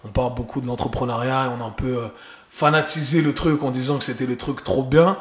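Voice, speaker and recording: Speaking quickly with a mid-range voice and fairly even intonation, this Geneva-born podcast host keeps things loose and casual, tossing in English slang. There's a roomy echo to the audio.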